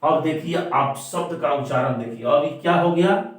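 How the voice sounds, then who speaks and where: Echoey, distant male teacher explaining a word. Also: fairly high pitch. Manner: repetitive, asks and answers own questions; stresses words by repeating them slowly. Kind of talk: classroom-style explanation. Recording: very echoey room, distant mic.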